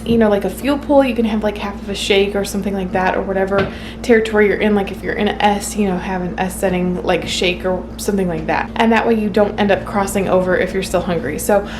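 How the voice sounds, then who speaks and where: Female home-cooking vlogger, mid-pitched, informal and explanatory, some household noise behind her. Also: fairly even intonation, quick pace. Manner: informal, explanatory, loosely improvised. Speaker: vlog host showing home cooking. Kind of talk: casual cooking vlog chat to viewers. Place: home kitchen.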